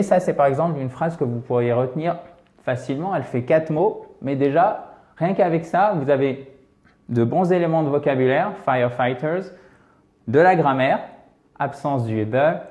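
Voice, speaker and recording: A man at middle pitch gives a lesson on English phrasal verbs, explaining in French. He talks patiently and keeps checking in with his students. Now and then he turns away to write, and his voice drifts off the mic. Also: moderate pace, darkish tone. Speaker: English teacher.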